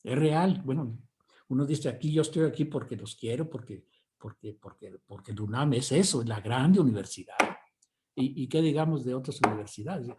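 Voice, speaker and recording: A man's voice: medium pitch, expressive, brisk, a little mellow. A Mexican university professor giving a keynote lecture, digressive and emphatic, often repeating words as he searches for phrasing. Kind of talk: academic lecture.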